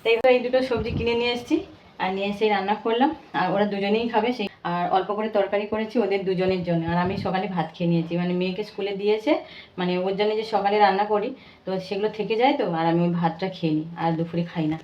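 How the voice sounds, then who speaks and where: Fast-chatting woman in a home kitchen. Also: mid-range voice, steady tone, a little mellow, muffled recording, slight background noise. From Bengal. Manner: chatty, rambling, many fillers. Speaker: vlogger. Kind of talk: casual home vlog chat.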